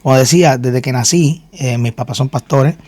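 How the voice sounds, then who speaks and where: Earnest Puerto Rican minister with a mid-range voice. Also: male voice, mid-range voice, normal speed, darkish tone, no echo. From Puerto Rico. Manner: earnest, repeats words, many fillers. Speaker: minister and guest. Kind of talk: testimony interview.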